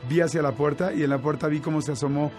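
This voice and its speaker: A man with a Mexican accent telling a personal story in casual chat, animated and full of fillers and restarts. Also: a little high, fast talker, faint music behind. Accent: Mexican Spanish.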